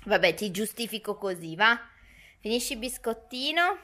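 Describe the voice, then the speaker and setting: A woman's voice: fairly high pitch, big pitch swings, normal speed, bright, forceful tone. A young woman and mother talking casually to her viewers in a home vlog, chatty and explaining things, filmed on a handheld camera in her kitchen and living room. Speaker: vlogger and mother.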